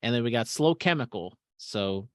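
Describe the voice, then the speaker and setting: A man's voice: mid-range voice, animated, moderate pace, no room sound, clean studio sound. A man co-hosting a podcast, chatting casually and swearing freely, often trailing off into mumbles. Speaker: podcast co-host. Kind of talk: casual chat.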